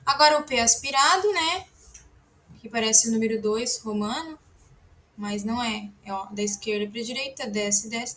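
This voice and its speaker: A woman teaching a language lesson, patiently writing letters and drilling syllables aloud with strong breathy aspiration. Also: a little high, fairly bright tone, slight background noise. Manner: self-deprecating asides about her handwriting. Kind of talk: slow spoken lesson while writing.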